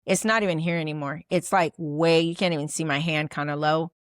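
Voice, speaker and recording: Facing the camera, a female business coach with a fairly low, steady voice runs through a relaxed lesson at a brisk clip, sprinkling in "like" and performing sample messages. The recording is dry and close-miked, free of room echo.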